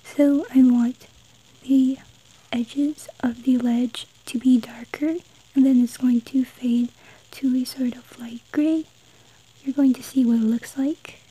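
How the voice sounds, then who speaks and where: A woman hosts a craft tutorial in a breathy, whispered voice. Her pitch is high and her tone is very soft and dark, with no brightness to it. She explains gently, one step at a time. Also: fairly even intonation, takes it slowly, low-quality recording. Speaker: host of an art tutorial.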